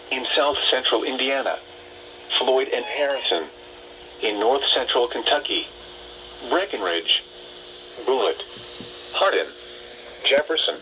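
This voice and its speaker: Synthetic-sounding male weather radio announcer. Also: medium pitch. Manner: measured, even reading of place lists. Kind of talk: automated emergency alert broadcast. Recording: noisy radio broadcast.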